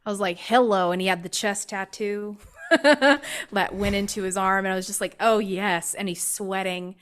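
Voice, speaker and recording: A woman's voice: mid-range voice, fairly quick, smooth. A woman guest on a podcast, speaking as a spiritual coach, telling personal stories candidly and laughing often. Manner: candid, animated storyteller who laughs often. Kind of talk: casual podcast chat.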